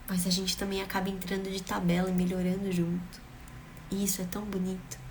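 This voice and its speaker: A woman's voice: mid-range voice, creaky, a little hiss or hum. Earnest woman giving emphatic parenting advice. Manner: earnest, emphatic, repeats phrases for rhythm. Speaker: parenting vlogger. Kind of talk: direct-to-camera parenting advice.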